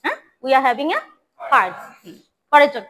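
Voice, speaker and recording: A woman runs a pronunciation drill in a classroom, her voice sitting high. She repeats each word several times and corrects her students as she goes. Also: expressive, slow, background noise. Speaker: English pronunciation teacher.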